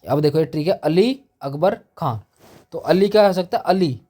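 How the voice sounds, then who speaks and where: A man walks students through quiz memory tricks. He talks in a somewhat high voice and makes each name stick with playful rhymes. He breaks into little acted-out quotes as he goes. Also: moderate pace, mellow. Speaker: teacher. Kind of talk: exam mnemonic lesson.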